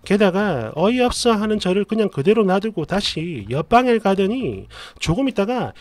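A man narrating a reader's post as a story, in an expressive, exasperated retelling. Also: sits high, moderate pace, no room sound. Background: faint background music.

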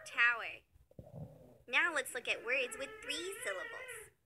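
A woman narrating a children's lesson in a slow, cheery sing-song voice, praising between words, over background music. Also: high-pitched, big pitch swings, noisy background. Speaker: children's learning app narrator.

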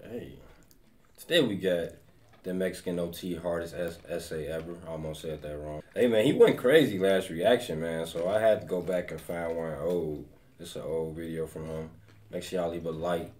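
A man's voice: sits low, moderate pace, darkish tone. A man hosting a music reaction video, laid-back and talking straight to his viewers. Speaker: reaction channel host. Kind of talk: casual reaction chat. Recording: audible background noise.

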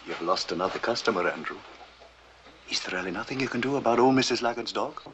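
A man's voice: mid-range voice, quick pace, close to an everyday voice. An actor playing an easygoing, polite villager waiting his turn. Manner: relaxed, polite. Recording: dull old film soundtrack with hiss.

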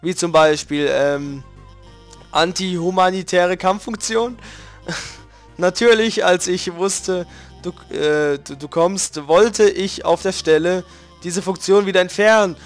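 A man's voice: high voice, takes it slowly, faint music behind. A man reading a stammering nervous lizard scientist. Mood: nervous, sheepish. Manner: hesitant, full of ums and restarts. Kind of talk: reading game dialogue aloud.

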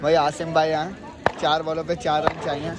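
Recorded on a handheld phone at an outdoor street cricket ground at night, with the crowd audible, this young adult from Pakistan calls the match ball by ball. His voice is a little high and his delivery completely flat, at a moderate pace, yet he's eager, tallying balls and runs and cheering for his teammates as both vlogger and player.

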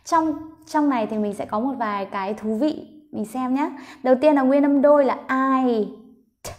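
A woman's voice: high voice, brisk, a little mellow. A woman teaching English pronunciation, sounding words out letter by letter and repeating each one many times. She talks patiently and coaxes learners along, recorded on a phone. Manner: patient, coaxing, checking in with learners as she goes. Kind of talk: slow pronunciation lesson.

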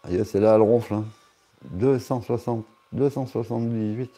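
A man's voice: medium pitch, fairly even intonation, moderate pace, warm tone. A man chatting casually on a live stream, answering his chat in a rambling, joking way with many hesitations.

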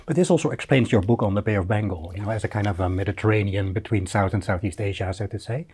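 A man's voice: fairly low pitch, quick pace, darkish tone, husky. Hesitant middle-aged man interviewing. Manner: hesitant, many fillers and restarts. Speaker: interviewer, historian. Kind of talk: academic conversation. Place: bright office lounge with shuttered windows.

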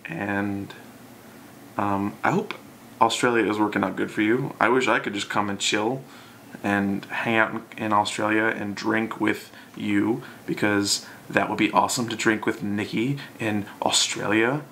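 A man's voice: fairly low pitch, fairly even intonation, a little slow, creaky, sharp tone, slight background noise. A young man in casual, drunken, loosely rambling chat to a camera, as in a video message to a friend. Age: young adult. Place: small bedroom, indoors.

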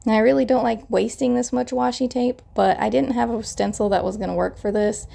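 A woman's voice: a little high, fairly even intonation, fairly quick, creaky, dark tone. A woman in her thirties with a crackly morning voice, chattily narrating a card-making tutorial voiceover and explaining each step.

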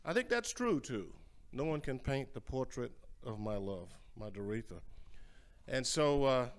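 A man's voice: medium pitch, lively intonation, a little slow. An older man hosting a home music show, chatting casually between songs with many fillers and repeated words, filmed from across a large indoor entryway. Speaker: show host and singer. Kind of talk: casual spoken introductions between sung ballads. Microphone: far camera, standing at a music stand.

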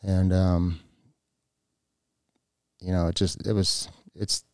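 A middle-aged man telling a personal story on a podcast, halting, with many restarts and fillers. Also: low-pitched, level tone, dry recording, clean studio sound. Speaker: guest. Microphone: podcast mic.

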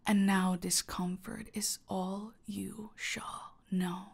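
Playing a cartel boss in a roleplay audio drama, an actress is silky, aristocratic, menacing, condescending and deliberate, often sliding toward a whisper. Her heavily acted medium-pitched voice is gravelly with a breathy edge and little pitch movement, and she sounds mocking and threatening.

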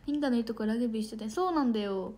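A woman's voice: on the high side, racing, warm tone. A young woman idol livestreaming in casual chat, bubbly and chatty, thanking viewers for gifts and sometimes tripping over her words.

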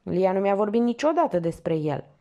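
An urgent young man from a storybook, as a woman reader plays him, pressing his questions in a raised, animated voice. The gravelly, warm grain of the reader stays under it. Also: mid-range voice, voice pushed up. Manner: urgent, insistent. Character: agitated young sporty male painter.

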